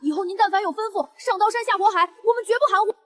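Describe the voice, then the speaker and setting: A woman's voice: extremely high pitch, racing. A woman playing a fierce, earnest young beggar ready to kill for pay, urgent and blunt, in a dramatised story. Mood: grateful.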